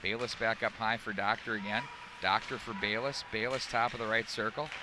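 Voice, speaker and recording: A man's voice: lowish voice, fairly even intonation, noisy background. Man calling hockey at an outdoor rink. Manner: rapid calls that rise sharply on scoring chances. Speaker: play-by-play announcer. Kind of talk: live hockey play-by-play.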